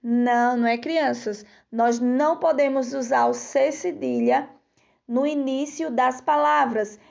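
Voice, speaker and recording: Woman teacher for kids' lesson, slow and patient, gravelly higher voice, dull lo-fi sound. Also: steady tone, a little mellow. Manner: slow, patient, drawn-out word reading. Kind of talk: recorded lesson for children. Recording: dull lo-fi recording.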